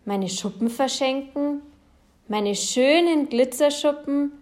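A woman's voice: fairly high pitch, lively intonation, takes it slowly. A woman voicing a proud, vain rainbow fish who talks in a haughty, curt way. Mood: dismayed.

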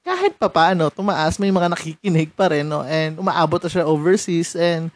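His voice sits a little high and is expressive, moving at a normal speed with no echo on the recording. He's a young podcast host from San Mateo, Rizal, Philippines, chatting casually, laughing frequently, and going back and forth between Tagalog and English.

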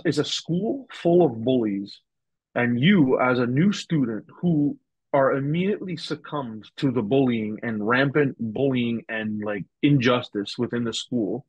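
A young podcast guest chats casually in a husky, slightly rough mid-range voice, rambling through his points with heavy use of "like" and frequent restarts. The recording is dry and close, with no room sound.

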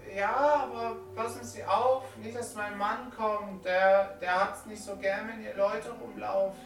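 A man's voice: sits high, flat delivery, measured pace, voice pushed up. A man voicing a nervous, wary old farmer's wife in a tabletop role-play, hesitant and evasive, repeating words, with a disapproving manner. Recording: echoey room, distant mic, noisy.

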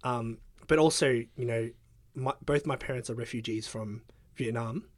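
A man's voice: mid-range voice, normal speed, no echo, clean studio sound. A young man, a guest in a casual interview, talking hesitantly with lots of fillers. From Australia. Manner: hesitant, filler-heavy, soft-spoken.

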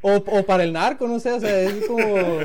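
A crowd can be heard behind this man's high voice, which moves at a moderate pace. He's in his late twenties, from Sinaloa, with a Mexican accent, and as a guest he tells his story loosely and with laughter, acting out quotes and starting phrases over.

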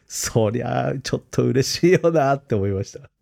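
A man's voice: medium pitch, expressive, normal speed, vocal fry, a little mellow, no echo, studio quality. A man co-hosting a casual tech podcast, laughing often and telling stories with animation. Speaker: podcast co-host.

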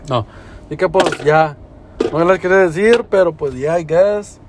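A young man hosts a podcast in a loose, rambling, heartfelt way, dropping slang and swear words freely. His voice sits a bit high for a man, with faint noise behind it. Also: moderate pace. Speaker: podcast host. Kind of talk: casual podcast chat.

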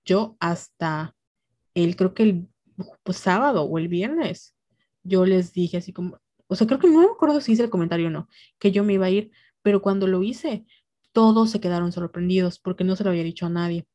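A woman's voice: fairly low pitch, brisk, warm tone, no echo, muffled recording. A young woman with a Mexican accent, telling a personal story in casual podcast chat, full of slang and quoted dialogue. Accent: Mexican Spanish.

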